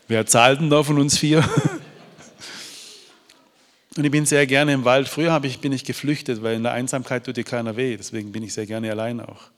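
A man's voice: medium pitch, fairly even intonation, quick pace, hardly any pauses. Heartfelt male preacher in a reverberant hall. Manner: heartfelt, pleading, with frequent restarts and stammered repeats. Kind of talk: emotional testimony and preaching.

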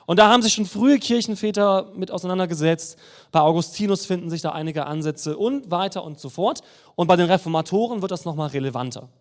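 A man's voice: high-pitched, fast. A man teaching a congregation about theology in a sermon style, explaining with rhetorical questions.

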